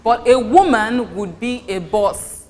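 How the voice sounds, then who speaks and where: A woman's voice: a little high, slow pace, darkish tone. A woman hosting a talk show discussion, putting pointed questions to her guests. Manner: brief agreeing interjections, challenging questions.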